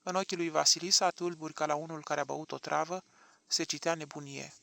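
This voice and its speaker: A man narrating an audiobook with an expressive, dramatic reading. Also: on the high side, gravelly, no room sound.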